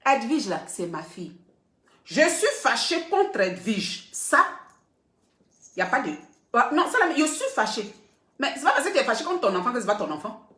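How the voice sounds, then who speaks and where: A woman blogger, talking in a casual, teasing and animated monologue to her viewers. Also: fairly high pitch, normal speed, pauses often. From West Africa. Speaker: web blogger. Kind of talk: casual live video monologue. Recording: echoey room sound.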